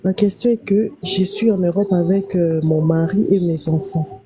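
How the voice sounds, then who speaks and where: A woman calling into a live stream who tells her question at length in a steady way. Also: fairly low pitch, normal speed, crowd noise, poor audio. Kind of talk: casual call-in question.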